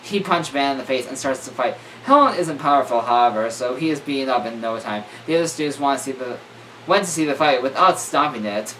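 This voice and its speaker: A man's voice: mid-range voice, animated, a little fast, fairly bright tone. A young man reading a horror story aloud, stumbling over words and correcting himself with joking asides. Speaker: reader. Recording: distant mic with faint room noise.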